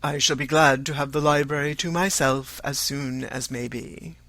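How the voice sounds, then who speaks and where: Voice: medium pitch, natural voice. Narrator doing unruffled older dad, country gent, dry and formal, audiobook, no room echo. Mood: dryly amused. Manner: deadpan, measured, formal.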